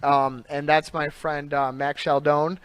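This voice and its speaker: A man hosts a loose, chatty podcast, tripping over his words and circling back on himself as he talks. His voice sits a little high, and the recording is close and dry with no room sound. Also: level tone, measured pace, a bit bright, clear, resonant tone, dry recording. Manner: rambling, stumbles and repeats words. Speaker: podcast host. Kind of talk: casual chat.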